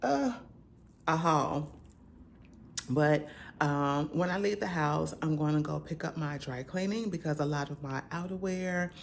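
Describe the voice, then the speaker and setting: Low-voiced woman vlogger, groggy morning voice. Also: a little slow, vocal fry, a little hiss or hum. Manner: relaxed, talkative, slangy. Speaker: vlogger host. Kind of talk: casual chatty vlog. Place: at home, indoors.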